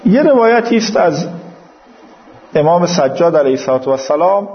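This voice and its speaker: A man's voice: on the high side, expressive, lo-fi sound, slight background noise. A man with an Iranian Persian accent giving a religious lecture as a teacher, explaining scripture didactically with recited quotations and paraphrases. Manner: didactic, quoting Arabic then paraphrasing.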